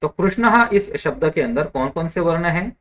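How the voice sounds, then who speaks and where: A man teaching a Sanskrit grammar lesson in a patient, explanatory way, repeating examples slowly and stopping to correct small slips. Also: fairly high pitch, animated, a bit bright. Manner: explanatory, slips and corrects himself, mixes English terms. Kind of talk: online lecture.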